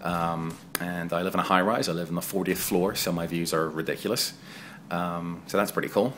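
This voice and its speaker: A man in his thirties with a low, deep voice talks over his own gameplay footage in a loose, conversational way. He drifts from the action into chatty personal asides, recorded as a home voice-over. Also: steady tone, fairly quick, a bit bright, a little hiss or hum. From England. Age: 30s. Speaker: gaming video creator. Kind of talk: casual voice-over commentary on gameplay.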